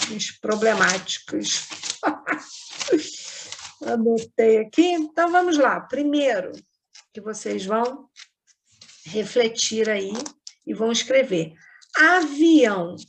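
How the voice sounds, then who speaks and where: A Brazilian woman teacher giving a recorded lesson to young children, dictating words slowly and patiently, checking in with "ok?" as she goes. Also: fairly high pitch, creaky, slight background noise. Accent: Brazilian Portuguese. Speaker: primary school teacher. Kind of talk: recorded online class for children.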